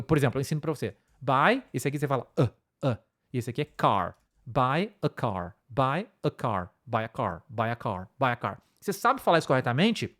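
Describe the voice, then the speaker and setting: Um professor de inglês com sotaque brasileiro explica pronúncia numa aula de curso online, repetindo palavras devagar para demonstrar e pontuando as frases com "tá?" e "né?". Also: medium pitch. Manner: explanatory, tag questions "tá?" and "né?", repeats words slowly to demonstrate. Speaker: English teacher. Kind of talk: online course lesson.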